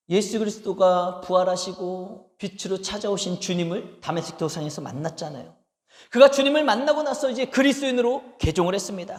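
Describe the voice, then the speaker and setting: A man preaching in an unusually high voice, rising to loud emphatic peaks and dropping to near-murmurs. His words ring out with a long echo through a large church sanctuary, the sound bouncing off the walls. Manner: dynamic preaching, acting out quoted prayers and complaints. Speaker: pastor. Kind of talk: sermon. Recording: echoey church hall with long reverb.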